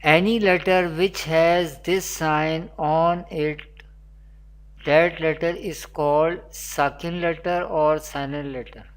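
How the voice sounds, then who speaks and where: A Quran teacher gives an online lesson, teaching slowly and repetitively with Arabic recitation. The voice is medium in pitch with a steady tone.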